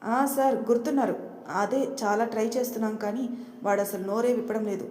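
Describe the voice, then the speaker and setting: Woman doing an earnest policeman, mellow and echoey. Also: fairly high pitch, steady tone, fairly quick, slight background noise, close to an everyday voice. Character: dutiful male police officer on the phone. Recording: roomy with long reverb.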